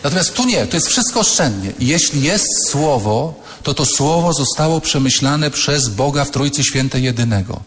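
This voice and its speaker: A man's voice: medium pitch, expressive, moderate pace, a bit bright, a little hiss or hum. A man, a priest, giving a humorous sermon to students, telling anecdotes and acting out the people in them. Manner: storytelling, acts out quoted voices. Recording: echoey hall with long reverb.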